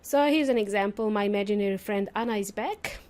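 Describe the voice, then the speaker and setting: Speaking a little fast in a medium-pitched, slightly mellow voice, a woman whose first language is Serbian runs a solo podcast teaching English. She keeps the monologue cheerful and playful, frequently quizzing her audience.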